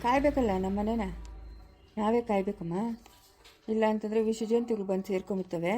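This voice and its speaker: A woman's voice: medium pitch, brisk, warm tone, a little hiss or hum, close to an everyday voice. A woman playing a stern elder woman who scolds and lectures a mother-in-law in a family village drama.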